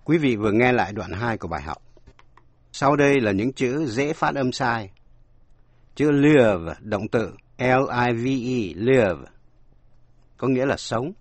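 A man's voice: medium pitch, lively intonation, moderate pace, no echo. A man giving a scripted radio language lesson, explaining word meanings and spelling words out letter by letter. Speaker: language teacher.

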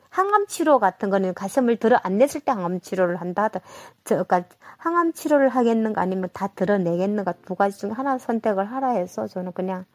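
A woman from North Korea with a North Korean accent, telling her own story in a casual interview in a halting, unpolished, colloquial way. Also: mid-range voice, dry recording.

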